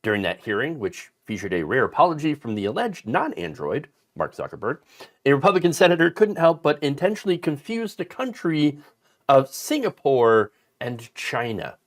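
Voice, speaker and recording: A man hosting casual political commentary, sarcastic and animated, mocking politicians with put-on quotes. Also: medium pitch, moderate pace.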